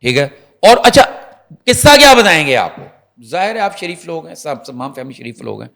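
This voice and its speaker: A male reporter on a TV talk show, telling stories in an animated way and addressing viewers directly. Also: on the high side, gravelly.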